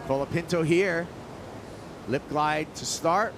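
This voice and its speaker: A man's voice: a little high, slow pace, noisy background. A man calling a live surf contest as an announcer, in a laid-back surfer manner with plenty of surf slang. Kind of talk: live sports commentary.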